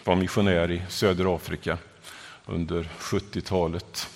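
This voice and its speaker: An older man delivers a Sunday sermon in a measured, earnest way, pausing often between phrases. His voice sits fairly low. A long church reverb trails after each word. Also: flat delivery, vocal fry. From Sweden. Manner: measured, earnest preaching with pauses. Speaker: pastor. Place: church sanctuary.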